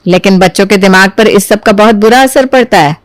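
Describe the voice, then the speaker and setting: Woman doing a patient middle-aged mom in a cartoon, coaxing, mid pitch, dry sound. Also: fairly quick, dry recording, lightly acted. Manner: coaxing, reasoning. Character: practical middle-aged mother.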